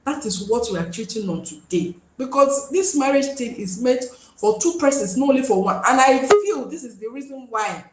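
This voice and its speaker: A woman's voice: high-pitched, expressive, moderate pace, reverberant, noisy background. Chatty Nigerian woman hosting a live stream. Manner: pleading, chatty, switches into pidgin. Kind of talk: casual live stream talk.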